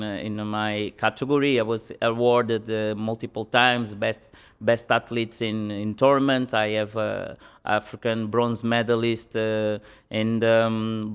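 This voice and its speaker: Halting man, slow and flat. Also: medium pitch, smooth. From Portugal. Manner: halting, many pauses and fillers. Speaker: professional boxer, guest. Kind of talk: interview answers.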